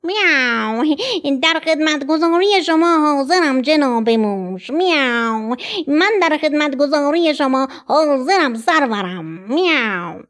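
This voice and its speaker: A woman's voice: high voice, expressive, fairly bright tone. A woman voicing a fat trapped cat who meows between his lines in a children's story. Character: trapped fat male cat, eager to please.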